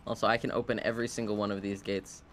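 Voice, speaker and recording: Rapid-fire and flat in delivery, a man with a fairly low, fairly bright voice streams a game live. His casual commentary includes playful, chatty asides to the audience. Video game sound is clearly heard in the background.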